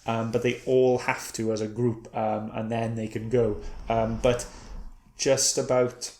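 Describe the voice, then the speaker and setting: A man's voice: mid-range voice, flat delivery, a little slow, darkish tone. A man casually reviewing a comic book, retelling the story in a meandering way and often correcting himself mid-sentence. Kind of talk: casual read-and-review chat. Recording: echoey room.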